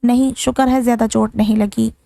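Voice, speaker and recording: A woman voicing an anxious, gentle young mother who speaks softly and pleadingly. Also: a little high, fairly even intonation, brisk, vocal fry, no echo, clean studio sound.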